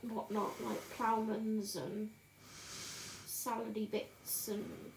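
A woman's voice: medium pitch, level tone, slow, creaky. A woman in her thirties chatting casually and giggling as she colours during a livestream and greets viewers by name. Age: 30s. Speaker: livestream host colouring on camera. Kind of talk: casual chat while colouring. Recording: roomy home room with faint noise.

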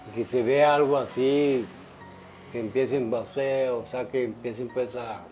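A man's voice: mid-range voice, steady tone, measured pace, darkish tone, faint music behind, rough recording. An older man, a father being interviewed, giving rambling advice full of restarts and tag questions. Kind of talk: casual family interview.

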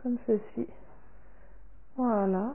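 Woman vlogger, casual unboxing talk to camera, halting, thin phone-line sound. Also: on the high side, fairly even intonation. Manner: slow and halting, repeats "comme ceci" and "voilà", trails off softly. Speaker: vlogger showing a product order.

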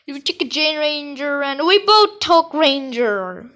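Excitable woman gamer, fairly high voice. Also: takes it slowly, low-quality recording. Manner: excitable, rambling, playfully trash-talking. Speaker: gamer playing co-op. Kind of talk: let's-play commentary.

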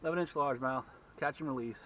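Talking very fast in a mid-range voice, a man in his forties runs a fishing channel and chatters excitedly to himself while catching and measuring fish from a small boat on an open lake. The casual vlog narration comes through a boat-mounted action camera. It sounds distant and dull, with wind noise.

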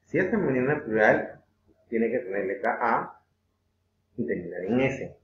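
A man with a Peruvian Spanish accent teaching an online grammar lesson, patient, repeating words slowly with frequent "eh" fillers. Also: medium pitch, expressive. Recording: echoey room over a tinny phone-like line.

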